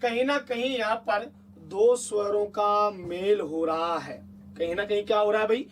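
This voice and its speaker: A high-pitched man leads a chatty exam-prep lesson, coaxing the students along and checking often that they follow. He sounds set back from the mic, with faint noise behind him. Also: normal speed, distant mic. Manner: chatty, coaxing, asks the class repeated check questions. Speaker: teacher.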